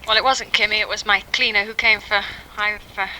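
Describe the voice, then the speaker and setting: Speaking from a quiet house, a woman in her thirties from England chats hesitantly on a 1960s home tape, recording a letter to her family as a mother. Her mid-range voice holds a steady tone, broken by frequent ums. Background noise is audible.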